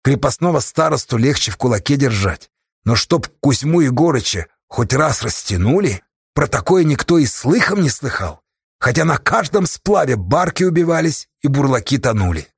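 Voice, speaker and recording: A man narrating an audiobook in a measured, steady way. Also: mid-range voice, creaky, husky, dry recording, studio quality. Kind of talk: scripted narration.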